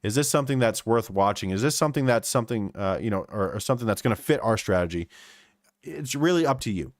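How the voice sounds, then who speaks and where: A man streaming live, commenting on trading charts in an animated way and repeating phrases for emphasis. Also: fairly low pitch, quick pace, no echo, studio quality.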